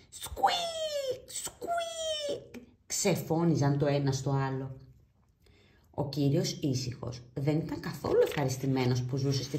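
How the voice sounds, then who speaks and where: A woman reading a children's storybook aloud in an animated, expressive way. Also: low voice. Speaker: storybook reader. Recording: roomy echo.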